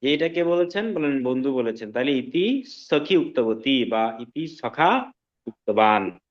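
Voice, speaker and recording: A man teaching an online language class, explaining slowly and often checking that students follow. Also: mid-range voice, very animated, muffled recording. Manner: slow, patient explaining with frequent check-ins to students. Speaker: Sanskrit teacher.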